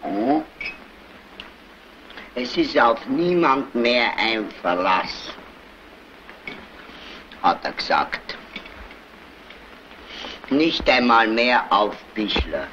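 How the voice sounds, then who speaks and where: Ein gemächlicher Bankangestellter, der sehr langsam und gedehnt spricht, dabei aber mit lebhaft wechselnder Tonhöhe. Die alte Filmaufnahme klingt dumpf und rauscht. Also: male voice, lowish voice, expressive, fairly bright tone. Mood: deliberate. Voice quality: drawling, deliberate. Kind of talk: early sound-film acting. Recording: hissy, muffled 1930s film soundtrack.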